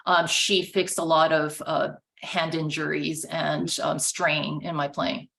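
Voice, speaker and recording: A woman's voice: low-pitched, little pitch movement, takes it slowly, vocal fry, fairly bright tone, a little hiss or hum. Thoughtful woman pianist guest laughing often. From Japan. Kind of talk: conversational interview.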